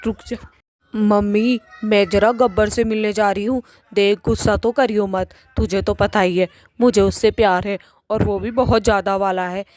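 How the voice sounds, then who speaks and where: A woman voicing a pushy, lovesick young witch daughter in a cartoon, talking in a loud nagging way. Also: mid-range voice, fairly even intonation, moderate pace, no room sound, soft background music, close to an everyday voice.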